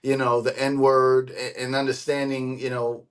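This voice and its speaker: A man's voice: medium pitch, monotone, clear, resonant tone. A man talking earnestly in a casual podcast conversation, often restarting his words and murmuring agreement. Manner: earnest, halting restarts, frequent affirming murmurs.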